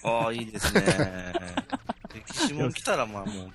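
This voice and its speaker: A man's voice: mid-range voice, very animated, moderate pace. A man co-hosting a casual chat show, chiming in with short remarks. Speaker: co-host. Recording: crowd noise behind.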